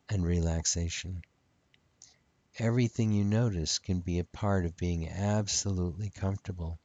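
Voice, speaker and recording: A man speaking as a hypnotist, leading a guided relaxation in soothing, repetitive, measured phrases. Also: sits low, mellow, dull audio.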